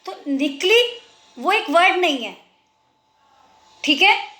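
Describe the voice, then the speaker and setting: High bright-voiced woman teaching slowly. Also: animated, roomy sound. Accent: Indian. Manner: slow, drawn-out pronunciation of example words. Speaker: Hindi teacher. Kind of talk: children's language lesson.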